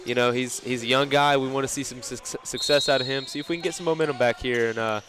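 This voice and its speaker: Young male color commentator, rapid chatty delivery, casual analysis, noisy gym ambience behind him. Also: mid-range voice, fairly even intonation. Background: gym crowd and bouncing basketballs.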